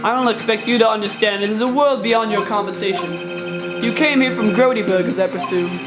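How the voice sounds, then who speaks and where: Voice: mid-range voice, fairly quick, loud music behind the voice, natural voice. A performer voicing a smug, menacing male company boss in a video game, grandiose and condescending. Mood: smug, threatening. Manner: grandiose, condescending, showy wording.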